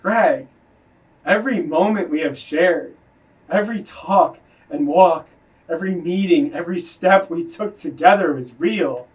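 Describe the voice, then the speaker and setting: A man voicing his gentle, wise dead male friend, speaking slowly and softly. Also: fairly high pitch, far from the mic, lightly acted, poor audio. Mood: gentle, calm. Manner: calm, slow, soft-spoken.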